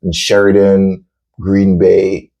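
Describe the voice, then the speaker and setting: A man's voice: low-pitched, monotone, slow, creaky, dark tone. A man from Jamaica hosting a casual interview chat, chatty and enthusiastic. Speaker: host.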